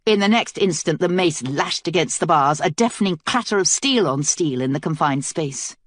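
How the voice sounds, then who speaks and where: A woman with a low voice reads an audiobook aloud in an even, measured way. Her voice is dry and close, with no room around it. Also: dry recording. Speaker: audiobook narrator. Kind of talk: scripted narration.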